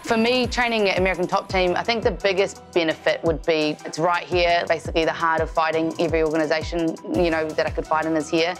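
A woman's voice: low voice, steady tone, fast talker, few pauses, faint music behind. A woman in her twenties with a New Zealand accent, talking casually and cheerfully in a documentary interview about her fighting career. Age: 20s. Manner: casual, upbeat, laughs easily. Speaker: MMA fighter.

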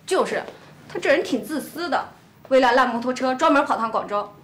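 A woman's voice: sits high, animated, brisk, a bit bright. An actress playing a spirited young woman who scolds the men sharply. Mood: complaining. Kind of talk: TV drama acting.

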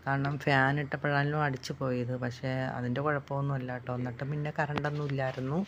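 A woman's voice: rumbling low, little pitch movement, quick pace, lo-fi sound, a little hiss or hum. A middle-aged woman chatting casually through her evening chores for a home vlog, explaining each step to viewers. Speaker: homemaker vlogger.

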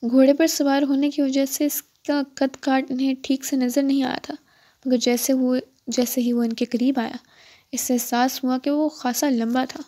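A woman narrating a novel as an audiobook, in a steady storytelling read. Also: high-pitched.

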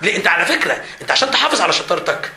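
Man, Egyptian Arabic accent, teacher leading a seminar, animated and joking, high voice, echoey hall. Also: rapid-fire, crowd noise. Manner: animated, joking, often laughing while talking. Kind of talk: lively seminar talk to students. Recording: echoey hall with faint background noise.

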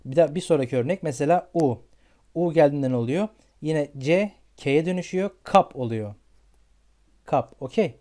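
Mellow-voiced male English teacher. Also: a little high, expressive, moderate pace. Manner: repeats questions and checks with "tamam mı". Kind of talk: beginner pronunciation lesson.

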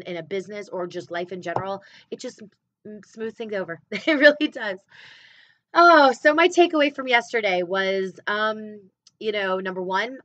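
A woman in her thirties chats straight to the camera about her small business and her children. She sounds open, heartfelt and a little emotional, with a bright, clear voice. The recording is dry and a bit dull, like a home camera mic. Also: mid-range voice, dry recording. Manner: emotional, candid, chatty. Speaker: clothing sales consultant. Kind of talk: casual personal vlog.

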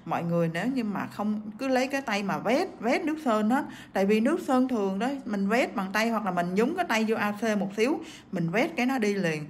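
Woman, nail art teacher, coughing, chatty livestream talk, mid pitch, faint room noise. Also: expressive, a little fast. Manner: chatty, reads out viewer comments. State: sick with a cough. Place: desk in a nail workshop.

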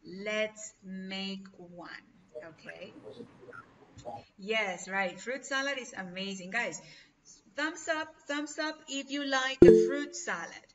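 A woman's voice: fairly high pitch, expressive, slow, over loud music. A Spanish-speaking woman teaching an online English class, encouraging and often checking in with "ok?". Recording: dull lo-fi video call audio, distant from mic.

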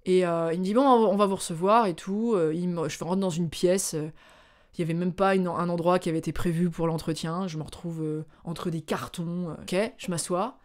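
A slightly low-pitched woman from France chats to camera as a vlogger, telling a story in an animated way. She acts out bits of dialogue and often hesitates on filler sounds. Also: a little fast.

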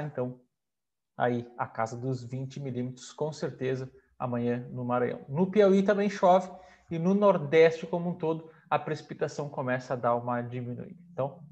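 A man's voice: on the high side, darkish tone, muffled recording. A man in his thirties from Brazil, an agrometeorologist presenting the weather forecast over maps in a conversational way, speaking over a video call from a room at home. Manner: conversational, with frequent pointing fillers.

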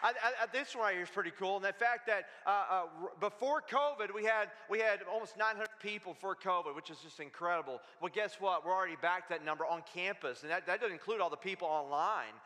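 A man preaching with a high, bright, forceful voice. He drives his sermon with energy and keeps turning to the congregation for answers. The sound rings out in a church sanctuary with a long reverb. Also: fast talker, hardly any pauses. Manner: energetic, calls out to the congregation for responses. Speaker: pastor.

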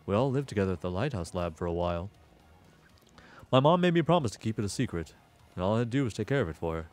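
A man's voice: fairly low pitch, very animated, quick pace, darkish tone, faint music behind, pitched below the performer's own voice. A man voicing a sullen, casual teenage boy in a video game, reading with a reluctant delivery. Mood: wistful, resentful.

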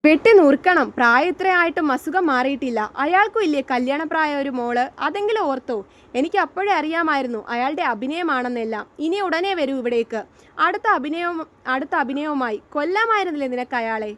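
A woman voicing Ashi, a young man who is a protective and blunt friend, in a high reading voice. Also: lively intonation, a little fast, hardly any pauses, fairly bright tone. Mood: furious.

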